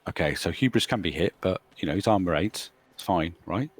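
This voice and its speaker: Very deep voiced guy, halting casual chat about his games, keeps trailing off. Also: lively intonation, breathy edge. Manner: hesitant, restarts sentences, trails off. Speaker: Blood Bowl player recapping his games. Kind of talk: casual chat over game replay.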